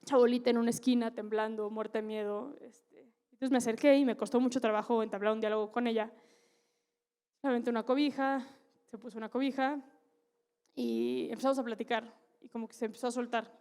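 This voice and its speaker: A woman with a Mexican Spanish accent, a conference speaker telling a story to an audience in a candid, lively way with slang and asides. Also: on the high side, fairly quick, clear, resonant tone. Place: conference stage in a large hall.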